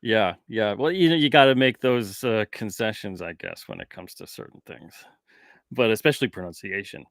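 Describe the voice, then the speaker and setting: Easygoing podcast host from New York. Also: male voice, lowish voice, sing-song, moderate pace, gravelly, a bit bright, no echo, clean studio sound. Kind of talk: casual podcast chat.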